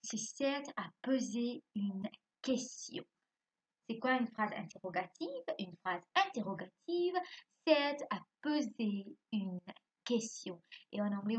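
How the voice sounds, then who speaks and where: On a dull lo-fi recording, a woman primary school teacher teaches young children remotely, speaking slowly in a very animated voice on the high side with a breathy edge. She answers her own questions and spells out words one letter at a time.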